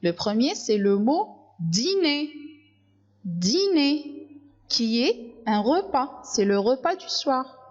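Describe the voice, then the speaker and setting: A woman teaching French to young children, sounding out each word slowly and repeating it, syllable by syllable. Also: high voice, big pitch swings, a little mellow. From North Africa. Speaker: primary school French teacher. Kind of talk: slow classroom lesson for young children. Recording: dull lo-fi sound.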